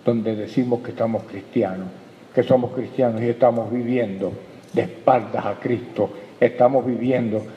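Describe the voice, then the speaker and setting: Male pastor, mid-pitched, fiery sermon delivery, roomy dull hall recording. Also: fairly even intonation, moderate pace, a little hiss or hum. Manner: impassioned preaching, rising to loud peaks; addresses listeners as brother. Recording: echoey hall, dull lo-fi sound.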